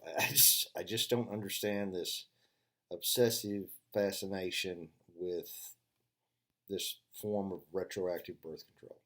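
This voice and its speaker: An older man telling funny stories in a casual, rambling monologue, full of "uh" fillers and restarts, sarcastically acting out both sides of a conversation. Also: deep voice. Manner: sarcastic storyteller who acts out both sides of a dialogue. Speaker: vlogger.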